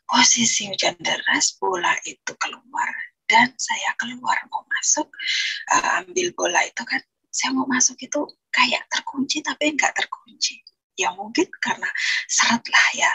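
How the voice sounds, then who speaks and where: A woman's voice: fairly high pitch, vocal fry, sharp tone, breathy edge, no echo, rough recording. A woman, earnestly telling her personal testimony in a rambling way, often restarting her sentences. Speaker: guest giving a testimony.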